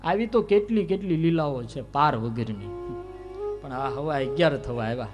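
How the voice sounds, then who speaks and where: A man telling a devotional story as a sermon, lively and expressive. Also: medium pitch, moderate pace, faint music behind. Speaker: religious storyteller.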